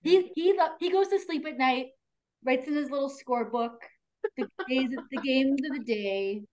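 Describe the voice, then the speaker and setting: A woman's voice: high-pitched, normal speed, a little mellow. A woman guest on a casual podcast, giggling and teasing the hosts. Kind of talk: casual chat.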